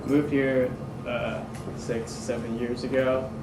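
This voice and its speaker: A man's voice: mid-range voice, level tone, takes it slowly. A young man, giving a student presentation to a community group in a hesitant way, with many fillers and restarts. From Hong Kong. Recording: roomy, distant mic, noisy.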